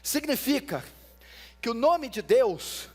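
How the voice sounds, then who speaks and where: A man preaching a sermon as pastor, teaching with emphasis and repetition and rising to shouts at times. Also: extremely high pitch, big pitch swings, slow. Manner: emphatic teaching, rises to shouts, repeats for stress.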